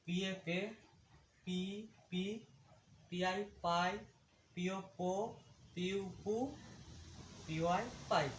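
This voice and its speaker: A man's voice: sits high, flat delivery, slow, pauses often. A man teaching a phonics lesson, reciting letter sounds one by one in a drilled, sing-song rhythm. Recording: echoey room with faint background noise.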